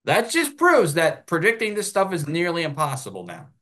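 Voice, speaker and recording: A man's voice: on the high side, moderate pace. American guy ranting about football on his own show, voice swings way up and down. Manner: animated, ranting. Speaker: sports show host. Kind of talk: solo sports commentary.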